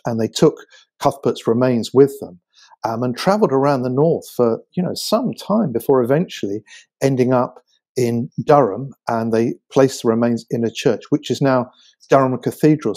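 An English man speaks as a guest author in a relaxed podcast chat. His voice sits at a middle pitch. He describes places with animated, storytelling energy. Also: normal speed. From England. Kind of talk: casual interview conversation.

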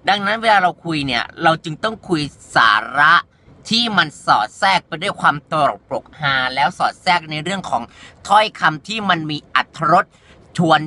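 A man's voice: high voice, lively intonation, normal speed, sharp tone. A young man talking straight to the camera, answering online comments in a sassy, campy and blunt way. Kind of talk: candid monologue to camera.

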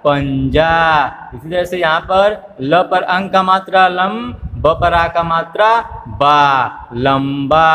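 A higher-pitched man teaches young children to read, spelling each word out slowly, one syllable at a time, and repeatedly asking what it makes. His voice carries a long reverb, with a faint room hum behind it. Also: a bit bright. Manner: slow, drawn-out spelling aloud, syllable by syllable, with repeated questions. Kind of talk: phonics lesson for small children.

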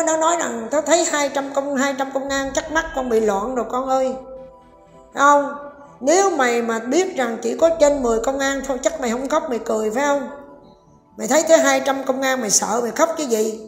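A woman giving a sarcastic, scolding commentary and speaking directly to her viewers. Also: high voice. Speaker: online commentator. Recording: echoey room with long reverb and faint music.

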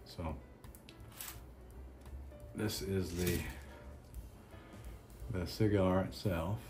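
Deep-voiced Southern male host, slow and halting, casual chat. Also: fairly even intonation, music in the background. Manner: unhurried, halting with many ums and restarts. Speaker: cigar channel host.

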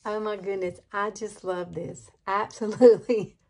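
A woman's voice: mid-range voice, fairly even intonation, measured pace, darkish tone. A woman in her late fifties from Alabama with a Southern accent, chatting through a hair tutorial in a gushing, folksy way. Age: 50s. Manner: gushing, chatty, drawling with laughs. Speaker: beauty vlogger. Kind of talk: casual hair tutorial chat.

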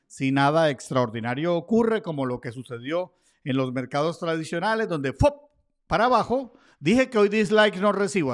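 A man with a notably high-pitched voice walks viewers through price charts in a chatty, informal way. He tosses in playful asides as he goes, keeping the commentary loose and conversational. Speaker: crypto chart analyst. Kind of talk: casual market commentary over charts.

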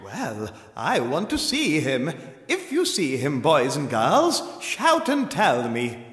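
A fussy, bumbling old professor in a children's stage show, pitched high with wildly swooping intonation. He speaks slowly and theatrically. The sound is an echoey hall with faint music. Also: wildly swooping pitch, fairly bright tone, slight background noise, exaggerated voice. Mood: fussy, inquiring. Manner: theatrical, addresses the audience as boys and girls. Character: fussy, bumbling elderly male professor with a robot. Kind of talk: exaggerated children's theatre acting.

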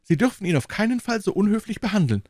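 A man's voice: high voice, sing-song, fast, darkish tone, no room sound, clean studio sound, voice pushed up. A man doing a flustered young assistant. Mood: anxious. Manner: flustered, pleading. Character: young male assistant, anxious and apologetic.

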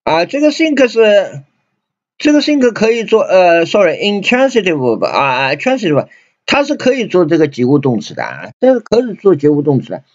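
A man with a Chinese accent teaches an English grammar lesson explaining sentences, repeating himself with many fillers and restarts and reading English lines slowly. His high voice has huge pitch swings, and the recording is dull and lo-fi.

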